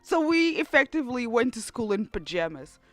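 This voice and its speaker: A woman in her twenties from Portugal, streaming casual chat through a headset, animated, laughing and swearing freely. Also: fairly high pitch, brisk, no room sound, faint music behind. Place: cold room at home.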